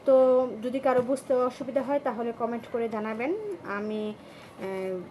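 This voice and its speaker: A woman teaching English pronunciation in a casual video lesson, speaking hesitantly with many fillers and reading letters slowly and carefully. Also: on the high side, level tone, a little mellow, slight background noise.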